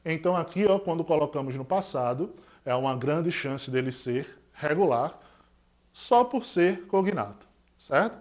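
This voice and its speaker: A man's voice: on the high side, lively intonation, unhurried. A male English teacher with a Pernambuco Brazilian Portuguese accent gives a recorded lesson, asking students questions and confirming each point. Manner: didactic, asks students rhetorical questions and confirms with "certo?"; stresses English example words more loudly.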